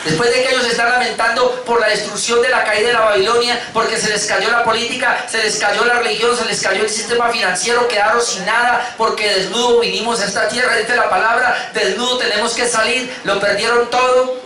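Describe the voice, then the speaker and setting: A man's voice: very high voice, fairly even intonation, a little fast, bright, forceful tone. A male pastor with a Colombian Spanish accent preaching, who reads scripture aloud with rising emphasis and adds asides. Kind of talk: expository sermon reading scripture. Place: church hall. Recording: echoey hall, mic at a distance.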